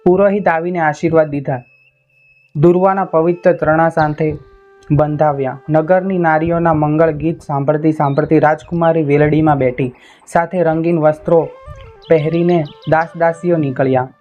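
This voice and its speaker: A man telling a folk tale in a measured, poetic narrating style. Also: on the high side, fairly even intonation. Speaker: storyteller. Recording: dull lo-fi recording with faint instrumental music.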